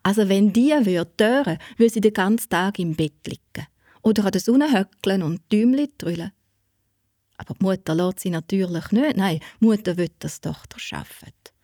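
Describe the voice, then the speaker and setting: A woman with a Swiss German accent telling a fairy tale in a lively way, talking straight to her listeners. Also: mid-range voice, dry recording, clean studio sound. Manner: lively, animated, addresses listeners. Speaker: storyteller.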